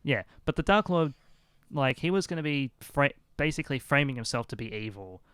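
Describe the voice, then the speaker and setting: A man's voice: medium pitch, expressive, a little fast, a bit bright, clear, resonant tone, dry recording, clean studio sound. A man hosting a casual podcast chat, rambling with many restarts. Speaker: podcast host.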